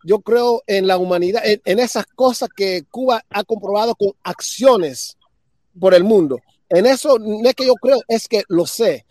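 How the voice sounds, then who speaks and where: A man from New York, a guest in a casual discussion, speaking calmly and agreeably. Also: sits high, dry recording, clean studio sound. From New York, United States. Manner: calm, measured, agreeable.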